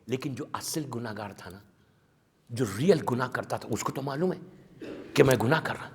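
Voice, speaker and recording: A male preacher giving a sermon, storytelling dramatically, swinging from hushed tones to shouting. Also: medium pitch, husky. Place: religious gathering hall in Madagascar. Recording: long hall reverb.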